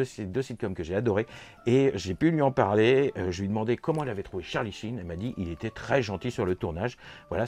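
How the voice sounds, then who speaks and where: A man's voice: lowish voice, darkish tone. A man with a French accent recapping a horror convention in a casual vlog, enthusiastic and rambling with many fillers and repeats. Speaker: vlogger recounting a convention.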